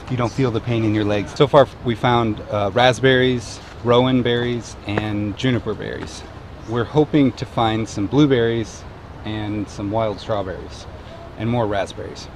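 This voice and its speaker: Guy in his 30s vlogging a hike, handheld cam, outdoor noise all around, chill chatty tone. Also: fairly low pitch. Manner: relaxed, chatty, observational. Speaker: family vlogger. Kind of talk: casual hiking vlog narration. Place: outdoors on a forest mountain trail. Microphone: handheld camera at arm's length.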